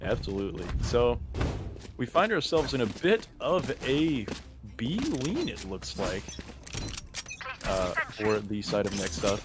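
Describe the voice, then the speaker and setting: A man's voice: mid-range voice, very animated, measured pace, over music. Dry-joking male esports co-caster. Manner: dry joking, play-by-play calls. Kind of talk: casual esports commentary.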